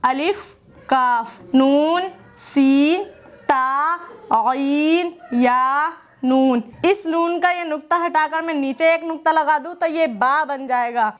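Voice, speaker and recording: Slow, high-voiced woman teaching letters. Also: fairly bright tone. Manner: patient, drawn-out letter names, pointing at the page. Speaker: Quran reading teacher. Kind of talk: slow step-by-step letter lesson.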